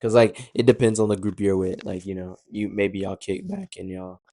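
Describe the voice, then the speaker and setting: A man's voice: fairly low pitch, expressive, moderate pace, warm tone. A young man co-hosting a podcast in a laid-back, agreeable casual chat. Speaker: podcast co-host.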